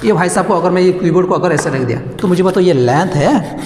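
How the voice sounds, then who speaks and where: High-voiced male teacher in an echoey room. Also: animated, quick pace, a little mellow, slight background noise. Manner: talks straight to the class, asks lots of questions, switches between Hindi and English. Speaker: maths teacher. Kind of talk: classroom lesson to students. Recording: echoey room with long reverb.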